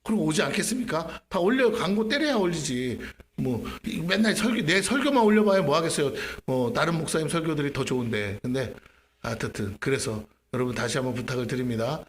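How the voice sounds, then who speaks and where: Animated pastor preaching a lively sermon. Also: male voice, fairly high pitch, a little fast. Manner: animated, acts out his own prayers and asks the congregation questions. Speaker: senior pastor. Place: church sanctuary.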